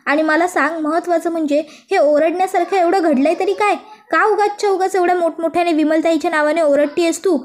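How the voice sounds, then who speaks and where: A woman's voice: extremely high pitch, fairly even intonation, fairly quick. A woman voicing an exasperated young husband who scolds his wife. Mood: scolding.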